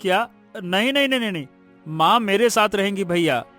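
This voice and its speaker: A man voicing a gentle, patient younger son in an animated story, speaking softly and respectfully. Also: high-pitched, fairly quick, soft background music. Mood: pleading. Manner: soft, pleading, respectful.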